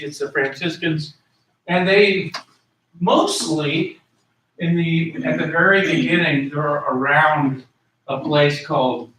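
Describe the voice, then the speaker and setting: A man's voice: fairly high pitch, sharp tone, roomy sound, slight background noise. A man teaching a class in a conversational way, asking his students questions and repeating key words, recorded in a classroom from far off. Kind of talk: classroom lecture.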